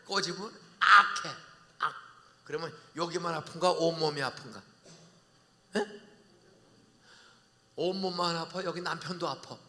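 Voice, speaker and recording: Give me an older male pastor with a high, forceful voice, preaching a revival sermon with blunt, joking asides and shouted bursts. He leads the congregation in call-and-response. His voice rings out through a large sanctuary with a long reverb tail. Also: fairly even intonation, measured pace, long pauses. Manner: blunt colloquial banter with sudden shouted peaks. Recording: long church hall reverb.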